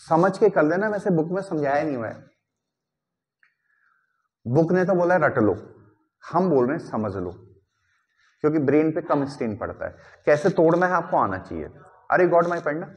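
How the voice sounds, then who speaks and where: A man gives a classroom chemistry lecture in a fairly high voice. He keeps checking whether the students are following, and he slips English phrases into his explanations. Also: big pitch swings, moderate pace, long pauses, highs cut off. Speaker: chemistry teacher.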